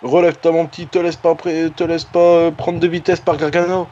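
A higher-pitched man calls a wrestling video game match in an excitable, cheering way, repeating his exclamations. His voice sounds a bit dull and lo-fi. The talk is casual and lively. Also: a little fast.

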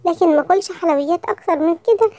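A woman's voice: extremely high pitch, racing, dark tone, no echo. A woman voicing a cheerful, sensible young boy lion cub with an Egyptian Arabic accent in a children's storybook. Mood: earnest. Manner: friendly, earnest.

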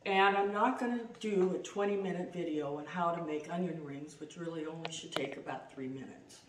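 A woman's voice: fairly low pitch, fairly quick. Middle-aged woman, home cooking host, chatty and self-deprecating, recorded from across a roomy kitchen with noise. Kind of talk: casual cooking demo. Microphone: far camera. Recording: roomy, distant, noisy.

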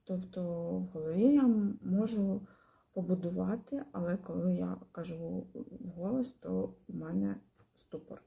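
A woman giving a spoken testimonial about her language course, pausing often with fillers and restarting her words. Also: fairly low pitch, gravelly, mellow. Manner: hesitant, many fillers and pauses.

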